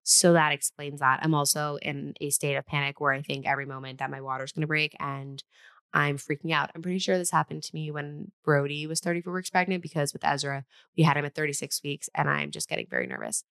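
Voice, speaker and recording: A podcast host with a low, raspy voice who sounds worn out and a little short of breath. She talks in a loose, chatty way, wandering off and restarting her sentences as she goes. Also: lively intonation, quick pace, fairly bright tone. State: tired, winded. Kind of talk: solo podcast intro then casual chat.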